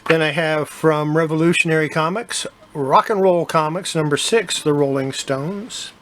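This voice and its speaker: An older man hosting his own collecting channel, casually showing items from his collection with a relaxed, chatty manner. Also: on the high side, moderate pace, slight background noise. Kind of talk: casual collection show-and-tell.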